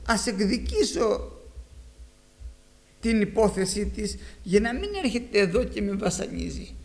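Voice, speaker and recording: A preacher doing a callous grumbling judge. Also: male voice, high voice, creaky, a little mellow. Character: callous unjust male judge, annoyed and shameless.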